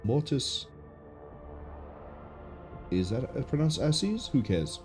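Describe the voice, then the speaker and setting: A man's voice: mid-range voice, big pitch swings, takes it slowly, a little mellow. A man with a stuffy nose, sounding ill, gives casual gameplay commentary as a streamer, musing and thinking aloud. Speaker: game streamer. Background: game music.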